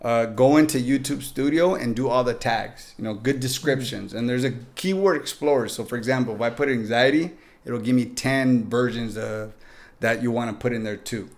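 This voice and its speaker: A man with a Mexican accent, a guest on a podcast, speaks at a normal speed and medium pitch. In this casual chat he gives upbeat, joking tips directly to the listeners.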